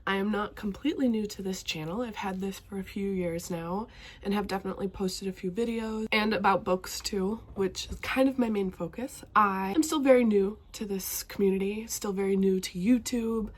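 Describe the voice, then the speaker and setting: A young woman from northwestern Montana chats enthusiastically about books in a casual talking-to-camera BookTube vlog. Her mid-range voice is slightly rough and a bit stuffy from a cold, with fairly even intonation at a normal speed.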